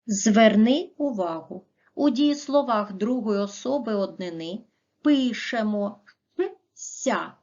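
A woman teacher from Ukraine giving a recorded video lesson to children, speaking clearly and slowly and stressing word endings. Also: on the high side, darkish tone. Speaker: primary school teacher. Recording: dull, muffled lo-fi audio.

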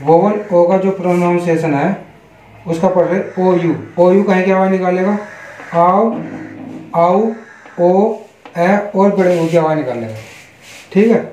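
Indian male tutor, high voice, spells words out deliberately, roomy lo-fi sound. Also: darkish tone, a little hiss or hum. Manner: spells words letter by letter, then gives Hindi meanings; slow, deliberate, repetitive teaching. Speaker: English teacher. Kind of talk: online English pronunciation lesson. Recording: echoey, dull lo-fi room.

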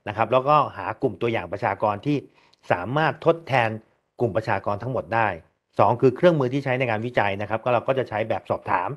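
A man's voice: mid-range voice, quick pace. Methodical man lecturing, slightly dull recording. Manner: polite, methodical, frequent hesitation fillers. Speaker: engineering lecturer. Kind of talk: technical lecture presentation.

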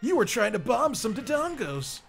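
High, lively man streaming a game. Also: normal speed, gravelly, faint music behind. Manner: excitable, laughs often, reads viewer comments aloud. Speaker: streamer host. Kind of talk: casual gaming stream chat.

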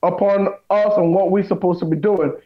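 A man with a high voice lays out his points with emphatic, sermon-like weight. He slows down to repeat his key lines. The recording sounds dull and lo-fi. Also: steady tone. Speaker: guest. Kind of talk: preachy conversation.

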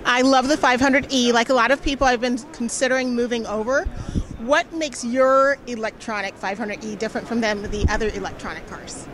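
A bubbly, excitable woman hosting an interview on a busy indoor show floor with a handheld mic. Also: a little high, brisk, a little hiss or hum. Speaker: host and interviewer. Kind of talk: enthusiastic auto show interview.

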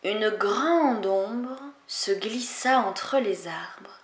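Une enseignante lit un conte aux enfants avec une diction lente et expressive. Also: female voice, mid-range voice, reverberant. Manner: slow, expressive, melodic. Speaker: teacher reading aloud. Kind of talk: storybook reading for children.

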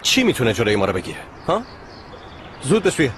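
A man's voice: mid-range voice, sing-song, fairly bright tone, slight background noise. An actor dubbing a determined young man in love who insists on talking things out. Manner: insistent, earnest. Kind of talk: Persian dub of a TV drama.

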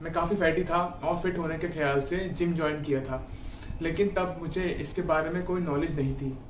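A young man from India talks earnestly to the camera, urging his viewers on with a fairly high voice. The sound is roomy and a little distant, picked up by a camera mic a few feet away in a small room at home, with faint ambient noise. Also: fairly even intonation, normal speed. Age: 20s. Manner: earnest, encouraging, addresses viewers directly. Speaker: fitness YouTuber. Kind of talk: casual advice talk to camera. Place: small indoor room at home, seated on a bed.

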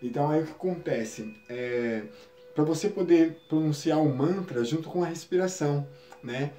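Man, spiritual teacher on a live stream, mellow slightly high voice, calm explanatory delivery, roomy echo. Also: moderate pace. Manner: calm, explanatory, frequent tag questions.

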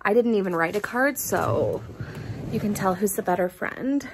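A woman's voice: medium pitch, lively intonation, normal speed, noisy background. A woman chatting playfully and teasing while vlogging outdoors on a city street. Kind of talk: casual vlog chat.

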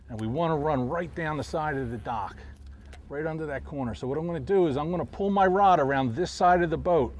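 A middle-aged man, a professional angler, calmly explaining his technique while fishing from a boat on a river, recorded outdoors on a lapel mic. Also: on the high side. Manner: calm, explanatory, talks while casting. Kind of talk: instructional fishing commentary. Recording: faint outdoor noise.

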